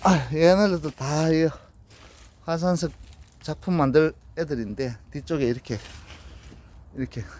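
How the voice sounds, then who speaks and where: A man with a Gyeongsang Korean accent, giving an unhurried, casual walkthrough of his plants outdoors and in a greenhouse. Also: fairly high pitch, darkish tone. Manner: plain, unhurried, pointing things out.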